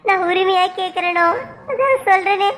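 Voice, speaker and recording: A woman's voice: very high-pitched, normal speed, a bit bright, slight background noise. A woman voicing an earnest young village daughter in a cartoon, who pleads in long, heartfelt appeals. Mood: pleading. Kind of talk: cartoon voice acting.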